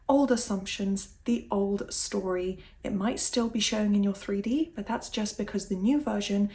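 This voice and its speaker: A woman hosting an ASMR video, speaking softly in a motivational talk. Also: medium pitch.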